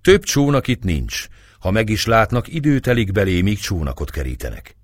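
Male captain, calm, firm, commanding, lively pitch, a man acting him. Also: no echo, clean studio sound.

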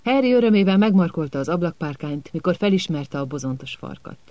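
A man narrating an audiobook in a calm, measured storytelling manner. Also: a little high, dry recording, lo-fi sound.

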